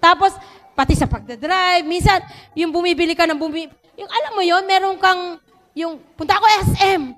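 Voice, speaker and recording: A woman giving a lively church teaching talk, mixing in English and acting out quotes. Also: very high voice, normal speed. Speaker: church speaker. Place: church hall. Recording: long hall reverb.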